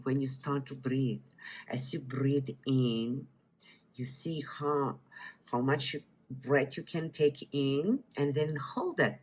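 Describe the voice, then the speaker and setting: With a rumbling low voice and a Bulgarian accent, a woman from Bulgaria who teaches wellness walks through a guided breathing exercise and then a cooking demonstration. Her delivery is slow and soft-spoken, repeatedly drifting down to whispers.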